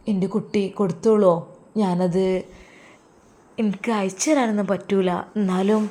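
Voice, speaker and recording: A woman voicing an elderly mother who is worried and gentle, speaking softly and pleadingly. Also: medium pitch, close to an everyday voice.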